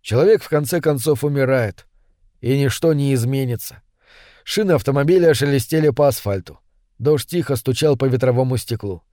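A man's voice: medium pitch, fairly quick, dark tone, no room sound. Male audiobook narrator, dry close sound. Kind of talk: dramatic audiobook reading of a horror story.

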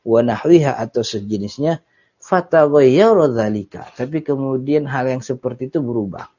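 Relaxed man teaching Arabic texts. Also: on the low side. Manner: explains Arabic text phrase by phrase, chatty with laughs. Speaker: Islamic religious teacher. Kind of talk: casual Islamic study lecture. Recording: dull lo-fi audio recording.

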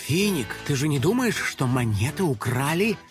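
A man voicing a bold, determined young girl who talks in a sharp, commanding, sarcastic way in a children's storybook. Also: on the high side, big pitch swings, normal speed, soft background music. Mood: explaining.

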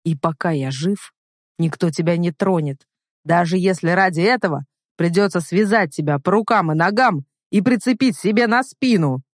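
A reader voicing a domineering, possessive young man, slow, forceful and loud, in a dry recording. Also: sits high, no room sound, natural voice. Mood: angry.

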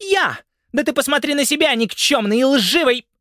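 Shrill screaming wife mid-fight, way up high, audiobook voice, dry close sound. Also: male voice, expressive, normal speed, bright, forceful tone, dry recording, full character voice. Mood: furious. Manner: screaming, hysterical. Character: brawling shrieking wife, furious and shrill.

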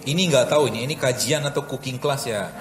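Joking doctor in an echoey hall. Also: male voice, mid-range voice, fast. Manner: joking, chatty, audience-engaging. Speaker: doctor giving a health talk. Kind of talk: live health talk with cooking demo. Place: large hall with live audience. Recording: echoey hall with room noise.

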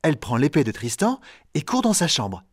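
Calm male audiobook narrator, dry sound. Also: on the high side, normal speed, dry recording. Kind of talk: scripted audiobook narration for learners.

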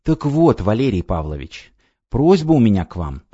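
A man reading an audiobook voices a stubborn, tearful little girl who is a time traveler, speaking high and pleading, shrill when upset. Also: very animated, moderate pace, warm tone, husky, no echo. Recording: dry, slightly dull audiobook recording.

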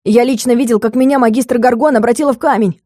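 A woman voicing a fussy, excitable male creature companion in a storybook reading. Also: a little high, fast, dry recording, studio quality, voice pushed up, lightly acted. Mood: excited.

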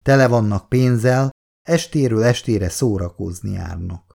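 A man voicing a worried, sighing middle-aged mother who frets over her grown children, raising his gravelly voice higher. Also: dark tone, heavily acted. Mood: fretful. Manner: fretful, sighing.

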